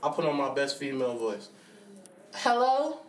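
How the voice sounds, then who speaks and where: A man's voice: a little high, fairly quick, roomy sound, far from the mic. A man hosting a podcast, telling slangy stories in a casual chat. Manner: animated storyteller, slangy, laughing. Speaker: podcast host.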